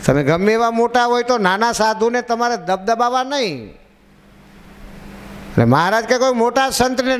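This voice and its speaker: A man, a monk, giving a devotional sermon to a gathering, telling stories with little acted dialogues and chatting and joking with the audience. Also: high voice. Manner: chatty, questions and teases the audience; acts out short dialogues in stories. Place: religious gathering in a park. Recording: reverberant public address with faint background noise.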